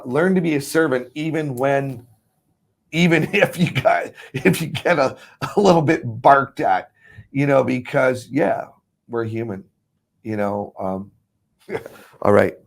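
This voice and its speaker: A man's voice: medium pitch, vocal fry. A man teaching about ministry in casual chat, rambling with restarts and frequent chuckles.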